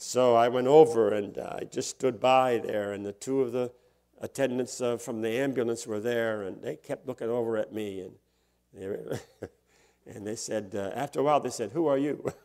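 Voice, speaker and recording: A man's voice: mid-range voice, normal speed, warm tone. An older man, a pastor, preaching a sermon and telling personal stories in a conversational way, chuckling often and rising into emphatic bursts.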